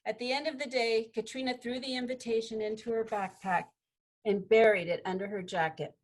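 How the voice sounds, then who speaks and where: A woman's voice: on the high side, brisk. Woman reading a picture book aloud. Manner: expressive, gently paced storytelling. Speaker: student presenter.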